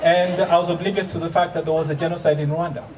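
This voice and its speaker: A man's voice: a little high, flat delivery, fast, a crowd in the background. A man in his thirties from Kenya, giving an earnest live presentation to an audience with light humor and some fillers. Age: 30s. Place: event hall with audience. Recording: distant muffled hall recording with faint noise.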